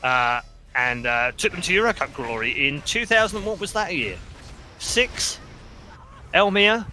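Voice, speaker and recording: Excitable game caster, high and very bright voice, light hiss behind. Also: male voice, measured pace. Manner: excitable, jokey, shouts at big plays. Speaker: game commentator. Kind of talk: esports commentary.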